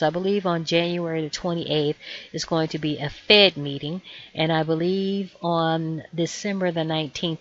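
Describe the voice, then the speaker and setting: A woman with a hoarse, fading voice giving a measured, explanatory stock chart tutorial over a screen share, adding cautionary asides. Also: deep voice, dull audio. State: hoarse, losing her voice. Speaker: trading educator.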